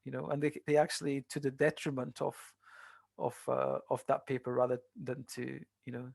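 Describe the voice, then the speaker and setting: A man's voice: medium pitch, monotone, normal speed, vocal fry, darkish tone, no room sound, studio quality. A man tutoring translation students in a seminar, talking in a conversational way with many fillers and restarts. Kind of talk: online seminar lecture.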